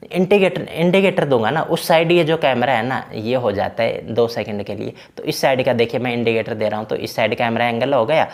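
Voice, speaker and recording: A game tutorial creator with a creaky, medium-pitched voice casually walks viewers through the settings of a truck driving game in a screen recording. He chats his way through each option, repeating fillers like "na" and "bhai".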